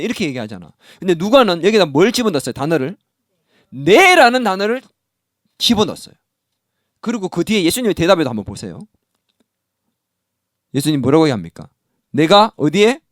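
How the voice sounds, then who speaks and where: A pastor with a voice that sits high preaches a sermon, animatedly asking the congregation questions and acting out scolding dialogue from the story. The recording has studio quality with no room sound.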